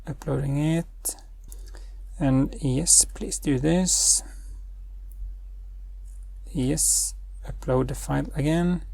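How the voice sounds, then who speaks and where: In a screen-recorded coding tutorial, a Norwegian-born web developer and channel host talks slowly in a gravelly, dark-toned voice that sits on the high side. He gives spoken commands while thinking aloud, with no echo in the recording.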